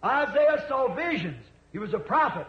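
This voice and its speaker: A man's voice: very high-pitched, big pitch swings, unhurried. A man preaching fervently, rising at times to cries, on an old sermon recording. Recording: echoey dull archive tape.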